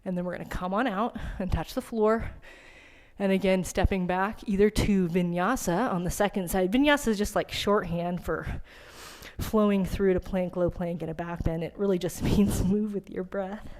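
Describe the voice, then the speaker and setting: A woman's voice: medium pitch, normal speed, darkish tone. Chatty yoga teacher woman, breathing hard. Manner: casual, chatty, encouraging cues with asides. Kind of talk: guided yoga class instruction.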